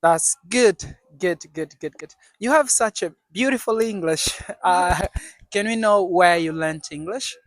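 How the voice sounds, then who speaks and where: A host leads a casual interview in English. The host asks questions at a middling pitch and answers with short, encouraging words. The recording is dry and close. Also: measured pace, no room sound.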